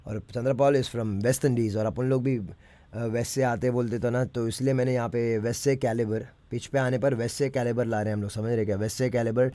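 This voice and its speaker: A man's voice: medium pitch, fairly even intonation, moderate pace, warm tone, dry recording. A man, breaking down his own rap lyrics in a casual way and often checking that the listener follows. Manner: keeps checking the listener understands, mixes English phrases into Hindi. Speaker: rapper explaining his lyrics.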